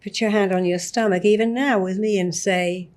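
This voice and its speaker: A woman therapist on a podcast interview, talking in an animated way and acting out examples of self-talk. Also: mid-range voice, moderate pace. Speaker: therapist guest.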